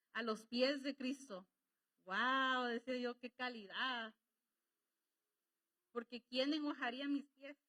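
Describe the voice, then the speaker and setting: A woman's voice: a little high, fairly bright tone, rough recording. A woman preaching a sermon in Latin American Spanish, conversational and emotional, with rising emphasis.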